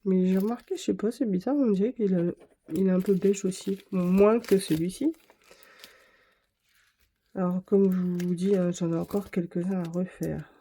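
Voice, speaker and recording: A woman's voice: on the low side, fairly even intonation, normal speed, mellow, slightly rough. A woman vlogger chatting casually to camera, rambling and correcting herself as she shows her art supplies. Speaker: craft vlogger.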